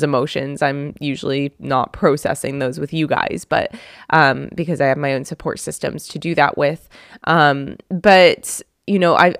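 A woman's voice: sits low, no room sound, clean studio sound. A woman hosting her own podcast, speaking earnestly and from the heart straight to her listeners. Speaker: podcast host. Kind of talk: reflective solo podcast talk.

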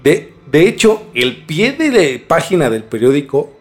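With huge pitch swings in a slightly high voice, a man with a Mexican accent talks at normal speed on his podcast. Music plays while he switches between narrated stories and casual, slangy chat.

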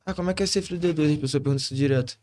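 Male interview guest, Rio accent, slangy street talk, rapid delivery. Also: on the high side, darkish tone. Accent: Rio de Janeiro. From Rio de Janeiro, Brazil. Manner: slangy, constant tag phrases. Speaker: interview guest, hip hop musician.

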